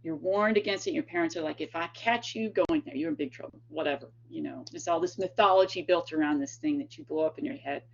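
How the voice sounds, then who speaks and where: Deep-voiced and fast, with vocal fry and hardly any pauses, this East Tennessee-accented woman delivers a storytelling lecture as a guest lecturer and author. She rambles chattily through anecdotes, filling them with fillers and laughs; the sound is dull lo-fi.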